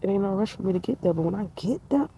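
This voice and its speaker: Woman, twenties, casual reflective vlog chat, mellow dark tone, slangy and spiritual, outdoors in a tree. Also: mid-range voice, expressive, rapid-fire, husky, low-quality recording. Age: 20s. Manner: laid-back, spiritual, slangy, laughs often. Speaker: vlogger.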